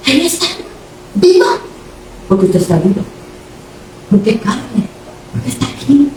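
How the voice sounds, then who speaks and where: A woman preacher with a high, swooping voice delivers a playful, dramatic sermon, acting out little everyday scenes and calling out to her brothers in the pews. She sounds far from the microphone in a very echoey church hall, with faint room ambience behind her. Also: animated, normal speed, darkish tone, slight background noise. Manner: addresses the congregation directly as brother. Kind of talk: lively Pentecostal sermon.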